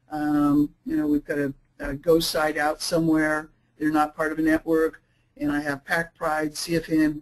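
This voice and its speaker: A woman presenting a software webinar, explaining features casually with frequent fillers and restarts. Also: on the low side, rough recording. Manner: says she is talking too fast. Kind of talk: screen-share product demo.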